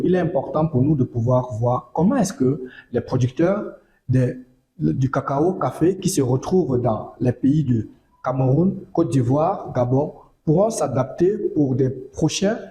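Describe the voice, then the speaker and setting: A man's voice: fairly high pitch, dark tone, echoey room. Man giving an agricultural talk. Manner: measured, repeats phrases and uses fillers. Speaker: agricultural educator. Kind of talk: informative monologue.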